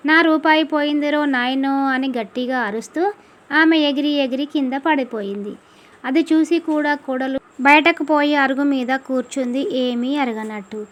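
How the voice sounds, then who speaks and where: A woman narrating a folk tale with steady, expressive storytelling. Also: high voice.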